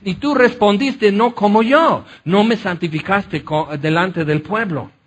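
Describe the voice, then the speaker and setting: A preacher doing God as a patient, reproachful voice. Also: male voice, high-pitched, a little slow, slight background noise. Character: God gently rebuking Moses, male, patient.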